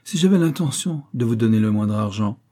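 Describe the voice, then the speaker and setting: A man's voice: lowish voice, expressive, a little fast, mellow. A man reading aloud, voicing a prim, sly old spinster who refuses to give money.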